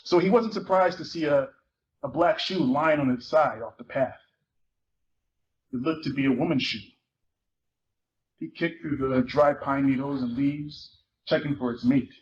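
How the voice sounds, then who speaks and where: Reading a book excerpt aloud, a male theater performer narrates and voices the novel's dialogue dramatically, using a mid-range voice, a measured pace, and long pauses. It's a muffled live recording with faint noise.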